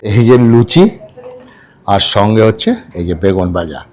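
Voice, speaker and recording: A man's voice: fairly low pitch, normal speed, darkish tone, a little hiss or hum. A man chatting casually at a restaurant table as a food vlogger, repeating dish names and checking in with viewers. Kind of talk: casual food vlog chat.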